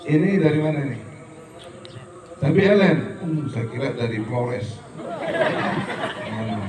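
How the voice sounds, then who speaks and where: An animated middle-aged man with a mid-range voice takes his time delivering a humorous religious lecture to students at a school event. He jokes, mimics regional dialects when quoting, and motivates them to keep growing. Crowd noise fills the background, and the echoey hall leaves his voice sounding far away.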